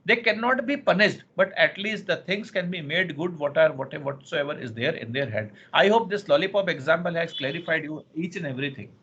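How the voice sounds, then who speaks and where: Higher-pitched Indian-accented male lecturer, muffled audio. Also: fairly quick, hardly any pauses, a bit bright. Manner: repeats phrases and checks understanding with questions. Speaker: law lecturer. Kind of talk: interactive online lecture. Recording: muffled, clearly noisy online class audio.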